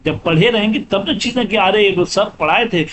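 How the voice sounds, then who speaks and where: A man's voice: high voice, background noise. A man teaching grammar for an exam, repeating terms and asking then answering his own questions. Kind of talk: exam-prep lesson.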